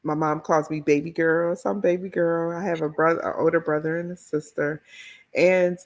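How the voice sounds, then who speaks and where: A woman's voice: low-pitched, moderate pace. A middle-aged woman from the Washington, D.C. area, an author and educator telling her story in an interview. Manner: expressive, animated storyteller.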